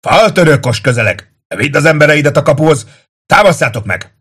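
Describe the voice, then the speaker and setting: A man voicing a gruff Roman commander who barks orders from the wall. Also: fairly high pitch, lively intonation, fairly bright tone, pitched above the performer's own voice. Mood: bellowing. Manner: barking orders.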